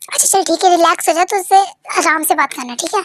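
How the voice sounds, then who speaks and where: A woman voicing a supportive young male best friend in a fan-dubbed story, calm and reassuring. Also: extremely high pitch, fast, dry recording.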